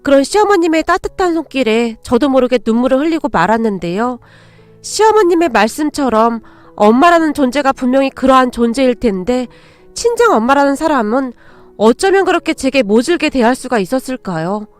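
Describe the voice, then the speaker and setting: A woman's voice: sits high, expressive, fairly quick, no echo, soft background music. A woman narrating a dramatic first-person family story with emotion.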